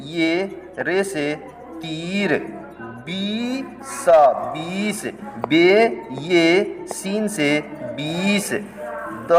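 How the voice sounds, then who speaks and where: A man's voice: on the high side, in a large hall, rough recording. A man teaching a language lesson, patiently spelling out letters and repeating each word twice. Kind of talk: slow step-by-step script lesson.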